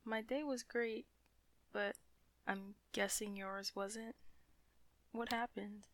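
A woman in an ASMR comfort roleplay, speaking softly and soothingly to a loving partner, often slipping into whispers close to the mic. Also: medium pitch, fairly even intonation, slow.

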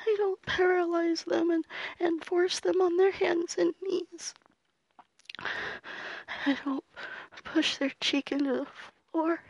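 A young woman voicing a sharp-tongued, mean young female student who swears freely and shifts between defiance and pleading in an audio roleplay. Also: high-pitched, no echo, muffled recording. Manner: profane, alternating defiance and pleading. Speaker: voice actor.

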